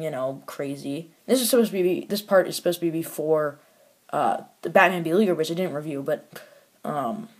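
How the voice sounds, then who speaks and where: A man casually reviewing a toy set, rambling with lots of fillers and restarts and making offhand, mildly critical remarks. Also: fairly high pitch.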